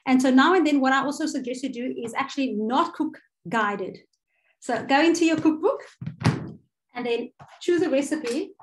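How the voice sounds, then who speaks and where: A woman's voice: high voice, moderate pace. A woman with a South African accent leading an online cooking workshop over a video call, chatty with many fillers and self-corrections.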